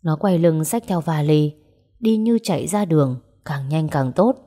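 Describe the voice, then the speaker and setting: A woman narrating a romance story aloud and voicing its characters in a gentle, even way. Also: sits low, measured pace. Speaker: audiobook narrator. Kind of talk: storytelling narration with dialogue voices.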